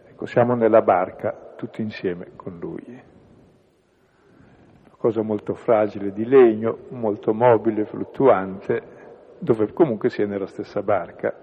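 Man, scripture reflection, husky low voice, measured and soft, long hall echo. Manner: slow, measured, trailing off softly at phrase ends. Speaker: priest leading a bible reflection. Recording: echoey hall over a tinny phone-like line.

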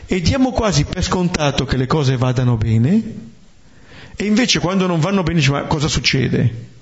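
A man preaching a slow, reflective homily on scripture, often checking in with his listeners with a questioning "eh?". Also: a little high, very animated. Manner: slow, reflective, with rhetorical "eh?" tags. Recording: dull lo-fi recording.

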